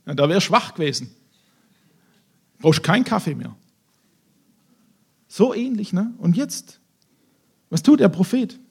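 A man preaching a sermon, telling a Bible story in an animated way and acting out the characters. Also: high-pitched, unhurried, gravelly, long pauses, husky.

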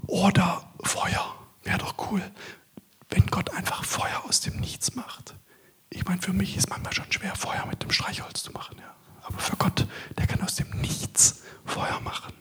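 A guest preacher delivers a sermon, moving between long hushed whispers and loud, measured declamation. His voice sits high and stays steady.

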